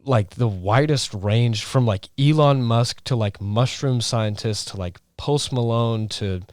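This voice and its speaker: A man's voice: medium pitch, unhurried, darkish tone, dry recording, clean studio sound. Rambling young man on a podcast. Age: young adult. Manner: rambling, filler-heavy. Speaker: podcast co-host. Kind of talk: casual chat.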